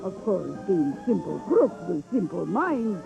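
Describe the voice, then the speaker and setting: A woman's voice: fairly low pitch, sing-song, a little slow, vocal fry, heavily acted. A woman voicing a scheming female spy villain who purrs in a put-on Russian-style accent and drops small words, as a cartoon host. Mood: sly. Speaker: host of a cartoon broadcast segment. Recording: dull recording with music.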